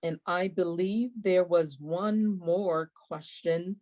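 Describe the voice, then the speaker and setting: A woman's voice: fairly low pitch, steady tone, slow pace, mellow. A woman hosting an online webinar question and answer session in a courteous, somewhat formal way. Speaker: webinar host and moderator.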